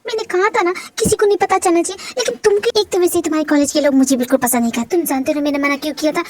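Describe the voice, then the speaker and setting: A woman's voice: high voice, very fast, a little hiss or hum, lightly acted. A woman voicing a feisty young college heroine in an amateur fan dub, speaking in a sassy, teasing way.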